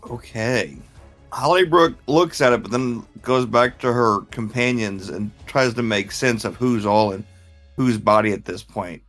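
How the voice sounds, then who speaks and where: Man, tabletop player, playful, chatty, mid voice, soft music behind. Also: medium pitch, a little slow. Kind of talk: tabletop role-play.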